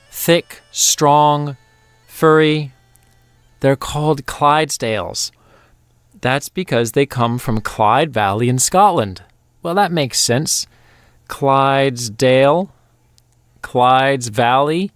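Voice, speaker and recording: A man's voice: mid-range voice, dry recording. A man hosting a children's science podcast, explaining facts step by step in a playful, friendly way. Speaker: host of a kids' science podcast. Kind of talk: educational podcast narration for children.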